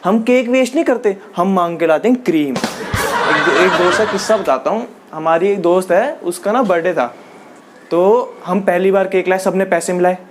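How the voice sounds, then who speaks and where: A man's voice: sits high, moderate pace, noisy background. Young male stand-up, casual storyteller; chatty, laughs along with his own jokes. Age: young adult. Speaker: stand-up comedian.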